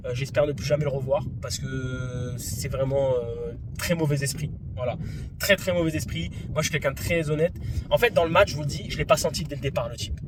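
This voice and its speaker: A man in his twenties from France, retelling a tennis match dispute in an indignant, animated vlog. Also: medium pitch, fairly quick, background noise. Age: 20s. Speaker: tennis vlogger. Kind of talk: vlog story recap.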